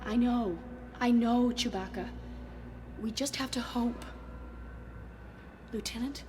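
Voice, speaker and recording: An actress playing a concerned, resolute young princess and leader in a radio drama. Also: female voice, a little high, slow pace, darkish tone. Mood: grave, pleading. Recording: clear background noise.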